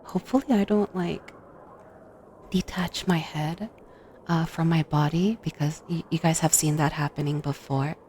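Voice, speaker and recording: A woman VTuber chatting casually with her livestream in an expressive, informal way, close to a USB microphone. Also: deep voice, normal speed, a little hiss or hum. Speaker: VTuber streamer.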